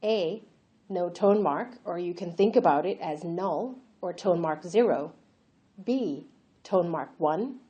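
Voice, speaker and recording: A woman giving a clear, listed summary in a scripted language lesson. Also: on the low side, takes it slowly, warm tone, muffled recording. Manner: clear, enumerating summary delivery. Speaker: language instructor. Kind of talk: scripted narration.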